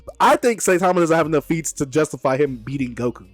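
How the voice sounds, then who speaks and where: Casting note: animated, argumentative male streamer, slightly raised pitch, dry close mic, faint music under. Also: quick pace, dry recording. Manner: animated, argumentative, repeats himself. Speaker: streamer host. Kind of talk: casual stream chat.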